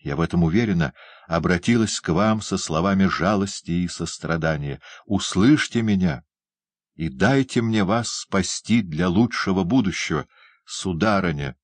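A man's voice: deep voice, lively intonation, moderate pace, dry recording. A man reading the part of a young, troubled woman who pleads with passion in an audiobook. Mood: pleading. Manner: emotional, imploring.

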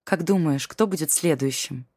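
A gentle, soft-spoken mother with a low voice, as a woman narrator plays her. She speaks softly and coaxes rather than argues. The recording is dry and close. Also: normal speed, slightly rough, dry recording.

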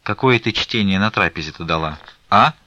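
A man's voice: deep voice, lively intonation, brisk, sharp tone, dry recording, lo-fi sound. A man reading an audiobook voices a stern, angry elderly abbess who scolds fiercely and reproachfully. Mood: stern scolding.

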